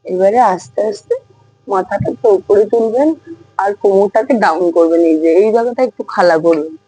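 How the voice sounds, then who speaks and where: Hoarse woman leading a yoga class, mellow tone, dry close sound, faint music under her, counts reps aloud. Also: mid-range voice, a little fast, no echo, poor audio. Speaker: yoga instructor. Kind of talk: casual yoga class instruction.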